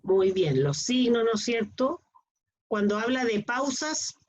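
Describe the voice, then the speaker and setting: Middle-aged woman teacher, slightly high and husky, asks the class checking questions. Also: lively intonation, measured pace, a little mellow. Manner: explains with frequent checking questions. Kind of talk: online class lecture. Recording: dull lo-fi online class audio.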